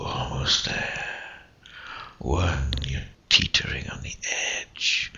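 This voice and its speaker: A man speaking in a breathy, intimate whisper right in the listener's ear, coaxing and hypnotic, in the style of sensual relaxation audio. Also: sharp tone, highs cut off. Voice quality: breathy, husky, gravelly low voice. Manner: slow, coaxing, hypnotic delivery with short phrases.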